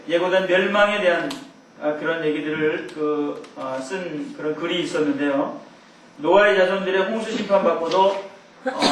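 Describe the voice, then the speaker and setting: A man's voice: on the high side, distant mic, a little hiss or hum. Man lecturing in a very echoey hall. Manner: conversational, rambling asides with chuckles and mimicked shouts. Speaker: Bible teacher. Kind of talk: Bible lecture.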